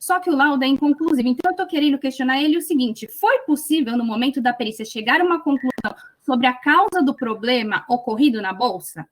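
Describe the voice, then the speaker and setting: High-voiced woman lawyer questioning. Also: fast, hardly any pauses. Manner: persistent, formal, precise. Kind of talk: courtroom questioning over video call. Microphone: video call.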